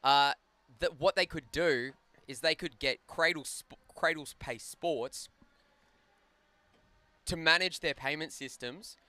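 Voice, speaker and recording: A man's voice: fairly high pitch, takes it slowly, pushed and bright, dry recording. A man doing joking play-by-play commentary on a live hockey stream, bantering and laughing with his co-host. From Australia. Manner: chatty, banters and laughs often.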